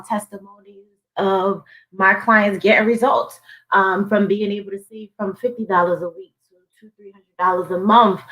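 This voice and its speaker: Over a rough recording, a Southern US financial coach talks casually on her live stream in a bright, forceful voice of medium pitch. Her tone is upbeat, and she keeps circling back to the same motivational points.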